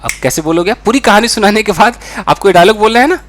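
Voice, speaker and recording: A young man teaching a spoken English lesson in an animated way, acting out the dialogue he explains. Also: high-pitched, fast talker, slight background noise. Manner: animated, acts out quoted dialogue.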